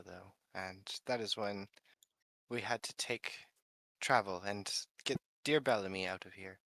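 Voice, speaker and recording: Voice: sits low, sharp tone, no room sound. A player speaking in character in a tabletop game, earnest and fussing. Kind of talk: in-character tabletop role-play.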